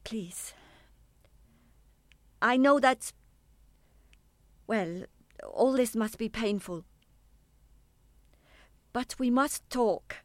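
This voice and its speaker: A woman in a radio play portrays a bereaved wife who sounds pained and bitter, measured and insistent, keeping control yet obsessively laying claim to a son. Her voice is on the high side, and the recording is dry.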